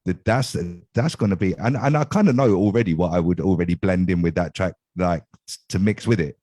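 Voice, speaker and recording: A man's voice: sits low, brisk, dark tone, no echo. A man co-hosting a casual interview podcast, talking with enthusiasm, hyping his guest and swearing freely. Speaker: podcast co-host and DJ. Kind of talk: casual chat.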